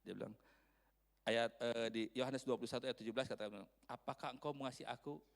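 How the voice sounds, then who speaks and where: Gravelly preacher. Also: male voice, mid-range voice, fast. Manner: animated preaching, swinging from loud emphasis to quiet asides. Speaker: pastor. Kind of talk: sermon. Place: church.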